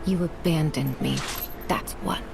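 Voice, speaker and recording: An actress voicing a bitter young woman warrior consumed by darkness, speaking in a flat, accusing monotone. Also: low voice, measured pace, vocal fry, background noise, full character voice. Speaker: game character. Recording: game cutscene with loud music. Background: loud music.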